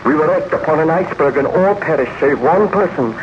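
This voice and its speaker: A man's voice: fairly high pitch, animated, fairly quick, natural voice. An actor playing a remorseful baron and scientist confessing his crimes, declaiming solemnly in 1930s radio horror style. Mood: fervent, tormented. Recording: dull, noisy old 1930s radio recording.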